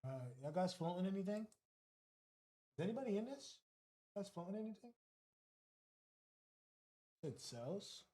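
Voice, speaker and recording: Man, livestream trading host, casual slangy commentary, warm mellow voice. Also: high-pitched, sing-song, moderate pace, pauses often. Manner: casual and slangy, talking to chat. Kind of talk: live commentary while trading.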